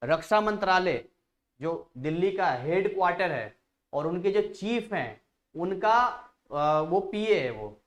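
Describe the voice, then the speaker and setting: A man's voice: high-pitched, expressive, slow pace. A man teaching a live online physics class, chatty and repetitive, drifting off into side stories before returning to the lesson. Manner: chatty, digresses, repeats phrases to drill a point.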